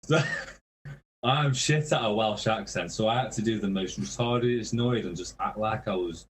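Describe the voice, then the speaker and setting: A man's voice: fairly low pitch, normal speed, a little hiss or hum. Sweary man telling tour stories. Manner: rambling, swears constantly, laughs through his stories. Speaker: touring metal musician, podcast guest. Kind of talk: casual storytelling on a podcast.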